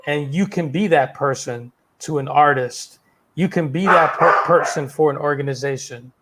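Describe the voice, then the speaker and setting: A man's voice: on the high side, normal speed, a bit bright, a little hiss or hum. A man who is a guest on a talk show, speaking in an earnest, rousing way. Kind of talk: casual chat.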